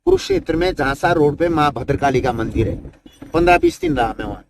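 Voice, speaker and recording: An elderly Himalayan yogi recounts his life in a folksy, meandering way, ending his sentences with "isn't it." His fairly high voice is creaky and brisk, with huge swings in pitch. Background noise fills the recording.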